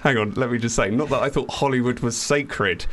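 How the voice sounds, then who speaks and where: A man's voice: mid-range voice, a little fast, a crowd in the background. A middle-aged man hosting a radio show from a studio, chatting casually and jokingly. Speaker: radio host.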